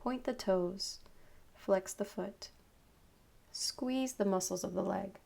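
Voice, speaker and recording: Speaking in a gravelly, medium-pitched voice, a yoga nidra teacher guides a meditation. She offers calm, unhurried instructions in short, paused phrases.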